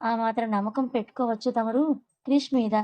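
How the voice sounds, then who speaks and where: A woman's voice: on the high side, steady tone, fast talker, dry recording, lo-fi sound, natural voice. Woman doing a blunt grumbling young man.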